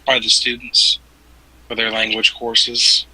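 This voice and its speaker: A man voicing a polite young woman who clerks in a shop, hesitant and slipping into soft whispers. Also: medium pitch, completely flat delivery, takes it slowly, breathy edge, no room sound, exaggerated voice, low-quality recording. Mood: helpful.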